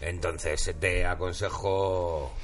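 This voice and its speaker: A man's voice: sits low, fairly even intonation, very slow. A man with a Castilian Spanish accent explaining things colloquially in a casual chat.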